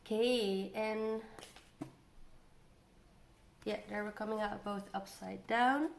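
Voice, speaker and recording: Woman doing a casual tarot reading, thinking out loud and trailing off, roomy echo w some bg noise. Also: mid-range voice, steady tone, takes it slowly, gravelly. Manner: musing, thinking aloud, trailing off and repeating phrases. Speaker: tarot card reader.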